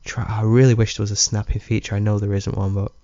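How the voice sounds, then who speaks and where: Talking fast, a man with a mellow, low, dark voice rambles through his let's play, relaxed and chuckling as he comments casually on the game. It sounds like a lo-fi home mic: dry and slightly dull.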